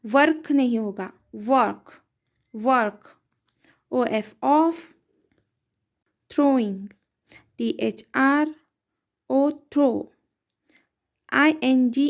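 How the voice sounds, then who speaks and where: A woman teaching English reading, sounding out words letter by letter in a patient, slow phonics lesson and correcting herself along the way. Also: high-pitched.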